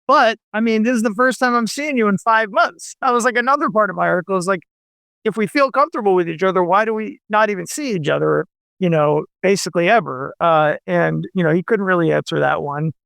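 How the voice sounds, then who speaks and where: Brisk and high-voiced, a novelist in his forties rambles through a casual radio interview with frequent fillers and restarts. His tone is creaky and a bit bright, and the recording is dry.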